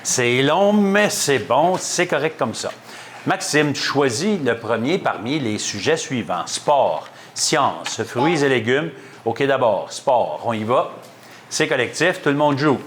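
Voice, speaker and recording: A man with a Québécois accent hosting a school quiz game, reading questions and ruling on answers at a quick clip. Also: mid-range voice, animated, slight background noise. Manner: brisk, quick-paced quizmaster, reads questions and rules on answers. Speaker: quiz show host.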